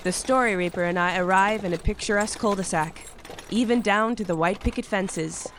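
Over background music, a woman reads a script in the first person as a curious, impatient young apprentice, full of eager, hushed wonder. Her mid-range voice is close to an everyday voice, a little fast, with slight background noise.

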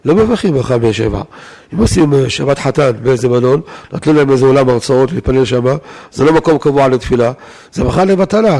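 Man giving a lively Torah lesson. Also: fairly high pitch. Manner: lively, rhetorical questions to listeners. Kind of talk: weekly Torah lesson to a live audience.

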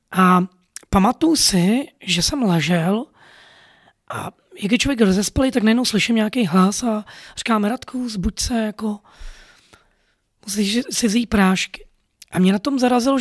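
A man's voice: sits high, dry recording, clean studio sound. A man telling a personal story in an earnest, rambling way, full of fillers. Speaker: podcast storyteller.

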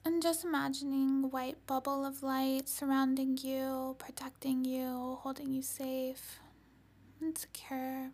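High, breathy, serene woman guiding meditation. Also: level tone. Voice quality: breathy, often dropping into a whisper. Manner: serene, soothing, slow and gentle delivery. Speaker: energy healer leading a guided meditation. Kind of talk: whispered ASMR guided healing meditation.

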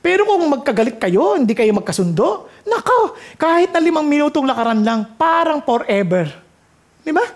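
A woman with a Filipino accent preaching a sermon, switching freely between English and Tagalog, reading scripture slowly and building to heartfelt, emotional high points. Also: very animated. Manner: earnest, reads scripture slowly and rises to emotional peaks.

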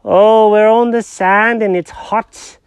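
A storyteller voicing an anxious, excitable male cat who fires off worried questions. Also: mid-range voice, clean tone, no echo, pitched above the performer's own voice. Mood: delighted. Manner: fretful, asks rapid worried questions. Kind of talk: storytelling with character voices.

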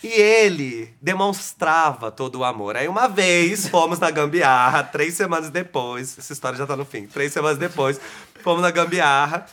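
A man telling a personal story as a guest, animated and dramatic, laughing often. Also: a little high, normal speed. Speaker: guest, actor and author. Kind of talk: casual storytelling.

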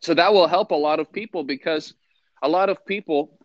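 A man's voice: on the high side, brisk, no echo, highs cut off. Earnest male live-stream preacher. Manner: earnest and conversational, quoting scripture. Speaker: preacher hosting a live broadcast.

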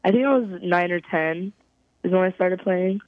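A young woman from California, a college softball player, giving halting, thoughtful interview answers over a phone call. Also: on the low side, no echo. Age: young adult. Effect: heard over a phone call. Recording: tinny, dry phone line.

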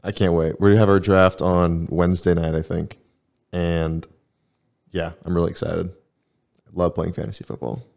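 Deep-voiced laid-back man. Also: level tone, a little slow, creaky, darkish tone. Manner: laid-back, rambling, storytelling. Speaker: podcast host. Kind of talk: casual chat.

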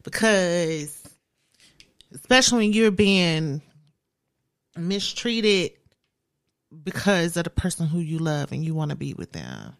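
A woman, speaking in a casual family chat, heartfelt and quick to laugh. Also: on the low side, very animated, no echo. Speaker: daughter, guest.

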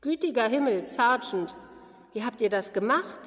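A woman's voice: medium pitch, animated, unhurried, lightly acted. A woman voicing a spirited, kindly old lady who talks in playful exclamations. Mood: astonished. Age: older. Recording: long hall reverb.

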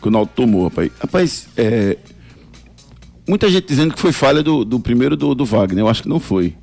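Gravelly husky guy with a pernambuco accent, rattling off football talk fast over soft music. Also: mid-range voice, expressive. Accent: Pernambuco Portuguese. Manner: teasing, quick, mock-indignant. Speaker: sports radio host. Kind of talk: casual sports talk.

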